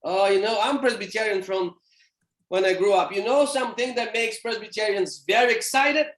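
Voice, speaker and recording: Man, Brazilian Portuguese accent, high voice, playful exclamatory lecturing, echoey church hall. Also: normal speed, a bit bright. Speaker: theologian lecturer.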